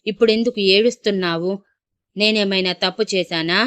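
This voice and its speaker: A woman's voice: mid-range voice, fairly quick, fairly bright tone, no echo, close to an everyday voice. A woman voicing a harsh, domineering, hot-tempered young husband who talks in a commanding, scornful way. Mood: angry.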